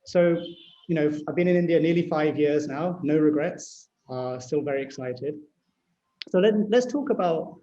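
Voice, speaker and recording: Middle-aged UK-raised male host, slightly high voice, animated storyteller. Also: echoey room, lo-fi sound. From United Kingdom. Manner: animated, storytelling, frequent "you know" and "right?". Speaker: fintech CEO interviewing a guest. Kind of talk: conversational panel discussion.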